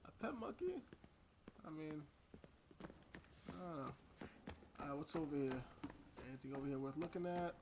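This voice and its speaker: A man's voice: on the high side, steady tone, moderate pace, long pauses, noisy background. A man giving casual, slangy let's play commentary as he plays a video game. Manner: laid-back, slangy. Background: game music.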